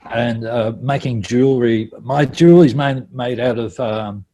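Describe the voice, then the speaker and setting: A man's voice: mid-range voice, normal speed, dark tone, slight background noise. A man, a stage actor, chatting casually on a video call, rambling and self-deprecating with frequent laughs.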